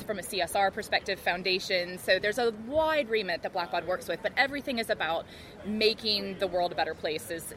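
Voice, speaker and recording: A woman with an American accent talking casually as a podcast guest. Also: on the low side. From United States. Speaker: podcast guest, charity technology professional. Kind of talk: casual interview chat.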